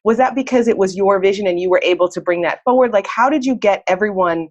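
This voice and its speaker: A woman's voice: mid-range voice, fast, lo-fi sound. A woman hosting a podcast interview, asking questions enthusiastically. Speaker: podcast host, coach.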